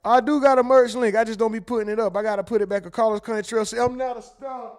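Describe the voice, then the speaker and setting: A man hosting a casual livestream, reading viewer comments aloud and reacting with quick asides and laughter. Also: very high-pitched, fairly even intonation. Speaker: livestream host reading super chats.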